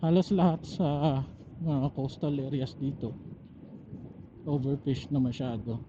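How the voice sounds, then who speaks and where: Riding his motorcycle outdoors, a motovlogger and angler with a Filipino accent chats casually and reflectively on his own, rambling and pausing mid-thought. His mid-range voice is mellow, and the helmet intercom mic gives dull audio with faint noise.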